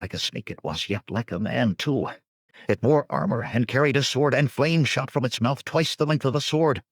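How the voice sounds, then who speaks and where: A man's voice: medium pitch, breathy edge, no room sound, clean studio sound, voice pushed up. A man voicing a nervous, shifty male bandit tracker who talks defensively and in a rush. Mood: fearful. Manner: defensive, hurried.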